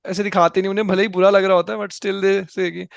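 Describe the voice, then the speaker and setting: A man's voice: sits high, flat delivery, a little fast, vocal fry, no echo, highs cut off. A man hosting a casual interview, often humming agreement and mixing English into his speech. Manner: frequent agreeing hums, mixes Hindi with English. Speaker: host.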